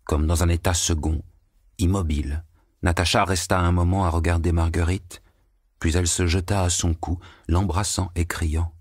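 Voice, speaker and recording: A man narrating a novel as an audiobook, reading in measured, even phrases. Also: low voice, breathy edge, dry recording, clean studio sound.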